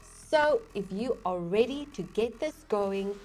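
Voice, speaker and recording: Speaking slowly in a mid-range, slightly mellow voice with lively intonation, a woman runs a music reaction channel from her home studio, using a gaming headset. She rambles casually to viewers, piling on fillers and asides and laughing at herself.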